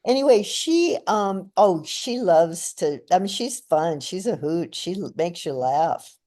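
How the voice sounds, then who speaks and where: A woman's voice: on the low side, animated, unhurried, warm tone. An older woman giving an interview in an informal, chatty way. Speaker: interview guest. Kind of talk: casual chat.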